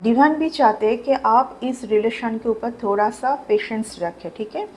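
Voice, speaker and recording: A woman's voice: a little high, normal speed, a little mellow, a little hiss or hum, rough recording. A woman giving a casual tarot reading to her viewers, chatty and repeating her phrases, mixing English words into Hindi. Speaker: tarot reader.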